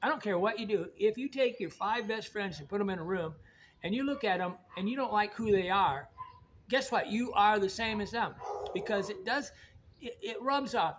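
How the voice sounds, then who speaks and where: A middle-aged man from Indiana with a high voice, talking in a loose, rambling monologue. He is blunt and folksy and stumbles over repeated words. Faint ambient noise sits behind him. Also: fairly bright tone. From Indiana, United States. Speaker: vlogger. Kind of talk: casual monologue to camera.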